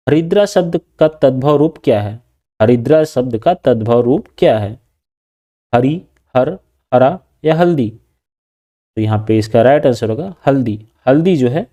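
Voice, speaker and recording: A man with a warm, soft-edged tone runs an exam practice lesson. He reads each question and its options in turn, then says and repeats the right answer. His pitch sits at an ordinary middle height. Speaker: teacher.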